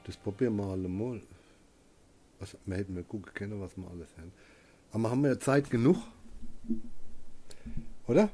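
An older man commenting on his video game play, muttering to himself and often swearing and exclaiming. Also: deep voice. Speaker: gamer. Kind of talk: live gameplay commentary. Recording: noisy home recording.

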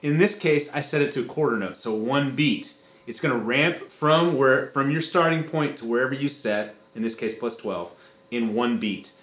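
A man's voice: mid-range voice, normal speed, fairly bright tone, echoey room. A man casually explaining guitar effect settings step by step, with frequent fillers. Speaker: co-host demonstrating guitar effects.

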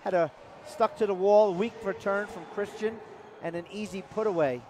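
A man's voice: high voice, moderate pace, darkish tone, slight background noise. A man with a New York accent giving live sports commentary, chatty and explaining the plays as he goes. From New York area.

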